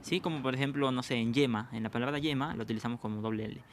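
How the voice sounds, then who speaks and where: A man's voice: mid-range voice, quick pace, slight background noise. A man teaching a grammar lesson, explaining step by step and often checking that students follow along. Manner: explanatory, checks understanding with frequent questions. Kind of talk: online language lesson.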